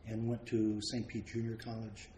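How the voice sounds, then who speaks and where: A man raised around the United States, a painter guest, telling frank, self-deprecating stories about his life in a relaxed way. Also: lowish voice, moderate pace, a little hiss or hum. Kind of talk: relaxed anecdotal storytelling. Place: large home studio. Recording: roomy studio with faint ambience.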